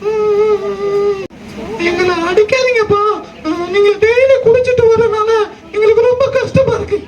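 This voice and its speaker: A woman's voice: extremely high pitch, fairly even intonation, brisk, roomy sound, far from the mic, a crowd in the background, low-quality recording. A woman playing the pleading young daughter of a drunk father in a church stage skit. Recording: loud background noise.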